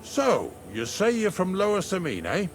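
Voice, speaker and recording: An actor playing a gruff, talkative older rustic wagon driver in a medieval video game, with a folksy, rambling manner. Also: male voice, high-pitched, wildly swooping pitch, moderate pace, a little hiss or hum. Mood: chatty, grumbling. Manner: folksy, rambling, plain-spoken. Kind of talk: video game dialogue acting. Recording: music behind the voice.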